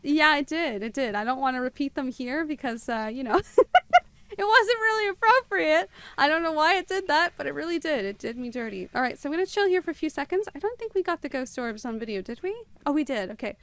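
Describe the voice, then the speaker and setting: A woman streaming a game live, talking extremely fast and chatting with viewers as she plays. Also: high-pitched, expressive. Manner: chatty, greets viewers by name. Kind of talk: live gameplay commentary.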